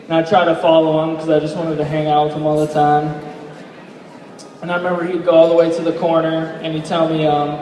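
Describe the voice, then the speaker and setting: Young male best man, higher voice, rambling heartfelt speech with hesitant delivery, recorded from afar in a reverberant hall. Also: monotone, brisk, darkish tone, slight background noise. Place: large reverberant indoor reception room. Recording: echoey hall, distant microphone.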